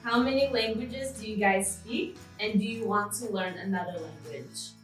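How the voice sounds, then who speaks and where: A woman's voice: mid-range voice, moderate pace, echoey room, soft background music. A woman hosting a discussion, reading out prepared introductions and questions. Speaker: host. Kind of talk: scripted host introduction and questions.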